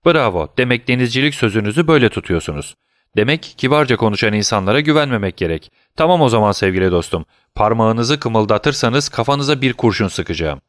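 Man voicing a sardonic gruff gendarme. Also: medium pitch, expressive, brisk, no room sound, clean studio sound, close to an everyday voice. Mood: mocking threat. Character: gruff mocking male gendarme guard.

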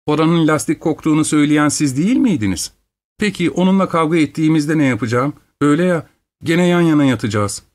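A man's voice: quick pace, close to an everyday voice. A man putting on a flighty, capricious young wife. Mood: indignant. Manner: petulant, high-strung, exclaiming.

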